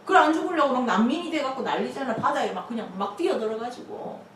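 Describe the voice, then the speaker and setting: A woman pastor preaching a lively sermon, laughing often and acting out quotes. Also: sits high, fast, a little hiss or hum. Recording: echoey room, mic at a distance.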